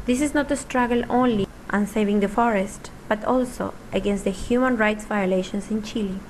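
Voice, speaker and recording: A woman's voice: mid-range voice, slight background noise, rough recording. Woman reading an informative voice-over. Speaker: narrator. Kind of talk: documentary voice-over.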